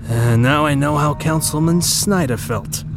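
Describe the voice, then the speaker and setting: A man plays a wry, commanding police commissioner in a 1930s-style radio drama. His voice sits fairly high, with formal phrasing and faint music underneath. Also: measured pace, lightly acted. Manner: dry, formal, wry authority.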